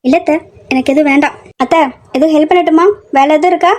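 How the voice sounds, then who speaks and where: A courteous young bride, voiced by a woman, in a homemade audio drama. She answers her elders deferentially at a brisk pace. Her voice is high and light. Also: a little mellow, natural voice. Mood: polite. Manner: polite, deferential. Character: polite young bride, soft-spoken.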